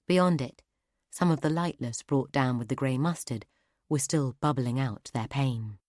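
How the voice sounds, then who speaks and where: A woman narrates a fantasy audiobook in a steady, measured way. Her voice sits low, close to the mic. The recording is dry, with no room sound at all. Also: no room sound. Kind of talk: scripted narration.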